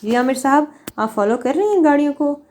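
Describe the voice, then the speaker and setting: A woman's voice: high voice, animated, a little mellow, voice pushed up. A woman voicing a male officer who gives firm orders. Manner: authoritative, instructing. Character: male officer in charge, giving orders by phone.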